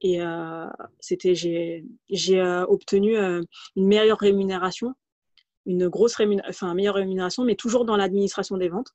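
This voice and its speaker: A woman in her thirties from the Paris region, interviewed by video call from home, relates her career hesitantly, with many fillers and restarts. She uses a mid-range, slightly mellow voice at normal speed with fairly even intonation, with no room sound, though the lo-fi audio is dull.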